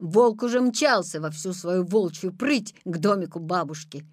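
A woman narrating a children's story, expressive and animated. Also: fairly low pitch, normal speed, dry recording, studio quality. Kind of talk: storybook reading.

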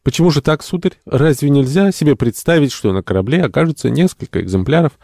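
A man reading aloud plays an eccentric, irritable male entomologist in a storybook. The voice climbs higher and louder than the reader's own as he lectures pedantically. It sounds gravelly and dry. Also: animated, quick pace, no echo. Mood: indignant. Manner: fussy, indignant, pedantic.

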